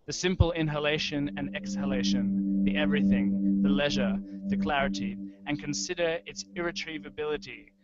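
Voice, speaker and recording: Reading his own experimental fiction, a young adult writer speaks in a slightly high voice, slow and deliberate, over a prominent musical soundscape. He holds a handheld-style mic close to his mouth during a video call, seated in a wooden-ceilinged room, and the lo-fi online stream comes through dull.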